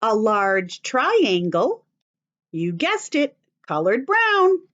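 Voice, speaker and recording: Speaking extremely slowly with huge pitch swings, a woman with a high-side, fairly bright voice leads young children through craft and story time in simple steps, asking encouraging questions. The audio is dull.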